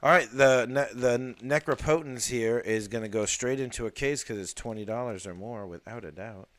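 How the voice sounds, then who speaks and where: A man's voice: mid-range voice, normal speed, no echo. Chatty man unboxing cards, dry sound. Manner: chatty, rambling with fillers and excited exclamations. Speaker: card unboxing host. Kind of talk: casual live unboxing chat.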